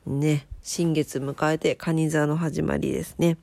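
A woman's voice: low voice, little pitch movement, a little slow, creaky, warm tone, no room sound. A woman hosting a casual, chatty solo radio show in polite speech, her voice nasal from a blocked nose. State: stuffed-up nose.

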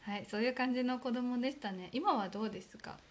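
A woman's voice: fairly high pitch, fast talker. A young woman from Aomori co-hosting a casual chat podcast with her sister, telling stories in a chatty, self-deprecating way. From Aomori, Japan. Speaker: podcast co-host.

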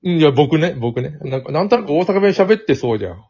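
A man's voice: fairly high pitch, animated, quick pace, a little mellow. A man hosting a casual podcast chat, rambling and laughing often as he talks. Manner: rambling, chatty, laughs often, mixes standard and Kansai speech. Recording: dull lo-fi sound.

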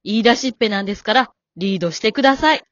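A woman's voice: mid-range voice, expressive, racing, fairly bright tone, no echo, lightly acted. A woman voicing a stern, composed elderly wife in an amateur radio drama, polite and cool with a scolding edge. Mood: calm. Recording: dull dry lo-fi recording.

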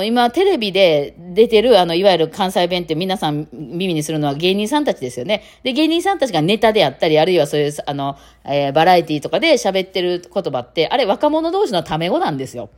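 Kansai-accented woman host, rapid chatty delivery with fillers, lively pitch swings. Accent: Kansai, Kitakawachi dialect. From Kitakawachi area of Osaka, Japan. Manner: rapid rambling talk full of fillers. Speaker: podcast host. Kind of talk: casual solo chat.

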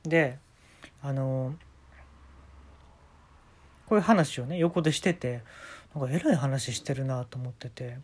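A young man speaks with a Kansai lilt, spinning absurd tales in a casual talk-show monologue. His delivery stays deadpan, broken by sudden leaps upward in pitch. His voice sits in a middling register. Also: a little slow, long pauses, breathy edge. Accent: Kansai Japanese.

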